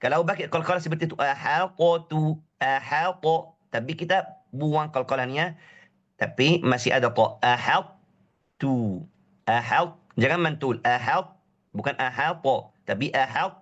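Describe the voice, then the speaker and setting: A man with a cold teaching a tajweed lesson online, drawing Arabic words out slowly to demonstrate their pronunciation and drilling short syllables again and again. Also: mid-range voice, a bit bright, highs cut off. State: has a cold. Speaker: Quran recitation teacher.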